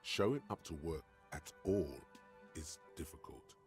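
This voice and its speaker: A game's inner voice an extremely low, rumbling tone and a deadpan, measured delivery. Faint music sits behind him. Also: male voice, exaggerated voice. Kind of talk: voiced game narration.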